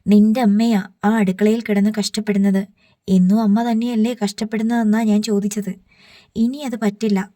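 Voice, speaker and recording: A woman's voice: mid-range voice, level tone, moderate pace, dry recording, clean studio sound, lightly acted. A woman reading the lines of an angry middle-aged father who scolds his daughter. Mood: stern. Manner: scolding, forceful.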